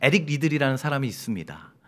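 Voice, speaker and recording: Pastor preaching with playful acted-out quotes. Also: male voice, mid-range voice, big pitch swings, fast. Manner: acts out quoted voices with playful humor. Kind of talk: sermon. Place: church sanctuary.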